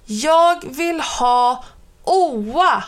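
A woman voicing a stubborn, clingy little girl who cries and shouts her words out slowly. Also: sits high, animated, voice pushed up. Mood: wailing. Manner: wailing, drawn-out crying shouts.

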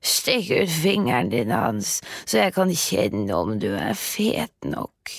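A woman voicing a wicked old female witch who eats children, talking in a sly, menacing, drawn-out way. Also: low-pitched, very animated, creaky, no echo, studio quality, exaggerated voice. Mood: commanding.

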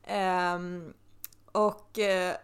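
A woman's voice: fairly low pitch, level tone, clean tone. A young woman co-hosting a podcast in casual chat, talking with lots of filler and quoting her own thoughts. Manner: chatty, quotes herself with lots of filler. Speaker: podcast co-host.

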